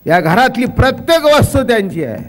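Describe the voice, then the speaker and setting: A man's voice: very animated, fairly quick. An older man preaching a Marathi kirtan, telling homely stories and acting out family voices. He quotes verses in a chanting lilt and puts questions to the audience. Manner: asks the audience questions and drops to a soft, low voice when explaining. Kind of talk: devotional kirtan discourse.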